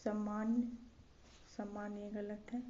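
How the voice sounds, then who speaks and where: A woman's voice: mid-range voice, level tone, takes it slowly, warm tone. A young woman teaching an exam coaching lesson, saying each word again and again and setting wrong spellings against right ones. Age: young adult. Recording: slightly dull lo-fi audio with faint background noise.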